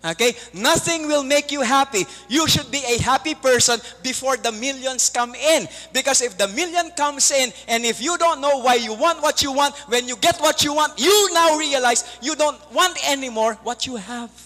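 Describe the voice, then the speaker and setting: A Filipino man speaking from a stage at a motivational seminar, with a very high, bright and forceful voice. He keeps firing rhetorical questions at the crowd and tells stories with energy. A long reverb from a large hall trails his words. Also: normal speed, few pauses, faint music behind. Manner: quizzes the audience with rhetorical questions; lively storyteller. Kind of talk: motivational seminar talk mixing Tagalog and English.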